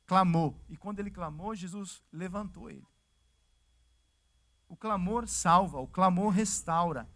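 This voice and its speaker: High-voiced Brazilian pastor preaching. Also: male voice, measured pace. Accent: Brazilian Portuguese. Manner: lively and conversational, acting out the scripture scenes. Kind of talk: sermon. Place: church service.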